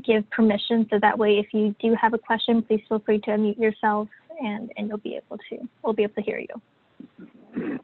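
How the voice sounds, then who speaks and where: A woman with a husky voice explaining logistics as a webinar moderator. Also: medium pitch, completely flat delivery, moderate pace. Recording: tinny phone-like call audio.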